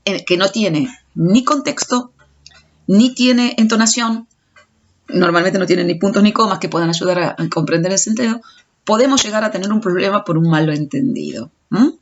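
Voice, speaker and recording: A woman's voice: mid-range voice, normal speed. Woman lecturing on a dull recording. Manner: explanatory, stumbling restarts on words. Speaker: teacher.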